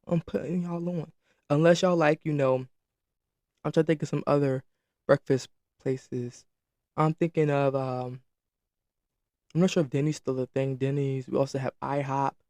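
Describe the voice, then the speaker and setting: A man in his late teens, hosting and chatting casually through a story time, animated and talking straight to his viewers. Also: a little high, no echo, studio quality. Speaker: podcast host.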